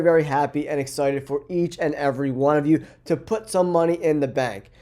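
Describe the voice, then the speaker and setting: A man's voice: on the high side, darkish tone. A man hosting a finance channel, talking casually and upbeat to his viewers about a stock, his voice nasal from a cold. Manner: upbeat, addresses viewers as guys. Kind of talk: casual direct-to-camera stock talk.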